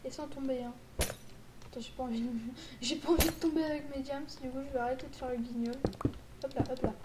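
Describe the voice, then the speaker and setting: A woman giving playful, joking commentary while playing a video game, with excitable outbursts. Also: high-pitched, brisk. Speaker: gaming YouTuber. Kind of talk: casual gameplay commentary. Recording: loud background noise.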